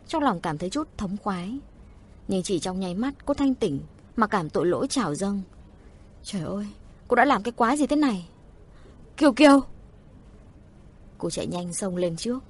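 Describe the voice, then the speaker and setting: A woman narrates a story aloud with an expressive reading. Her voice is husky and breathy, set at a middle pitch. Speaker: audiobook narrator.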